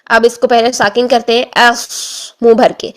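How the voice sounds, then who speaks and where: A young adult woman teaching a tajweed pronunciation lesson, patiently repeating each sound slowly and checking in often with her listeners. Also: on the high side, little pitch movement, darkish tone. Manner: checks in often with "theek hai". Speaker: Quran recitation teacher.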